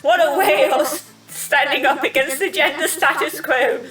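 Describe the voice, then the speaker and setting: A woman's voice: high-pitched, moderate pace, a bit bright, far from the mic, faint music behind, rough recording. A woman from the UK who giggles often and swears casually while reading game text aloud during a gaming livestream. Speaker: streamer.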